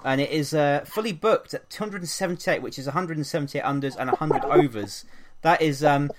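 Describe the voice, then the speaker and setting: A man's voice: on the high side, fairly quick, background noise. A man from England hosting a casual podcast, chatty and upbeat, with frequent ums and fillers. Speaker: podcast host.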